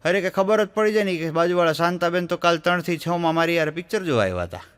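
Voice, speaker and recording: A male stand-up comedian with a Gujarati accent tells one joke after another. He narrates in a folksy way and slips into quick voices for the people in each story. His voice sits a little high for a man. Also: expressive, fairly bright tone, a little hiss or hum. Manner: folksy storytelling, acting out voices in quoted dialogue.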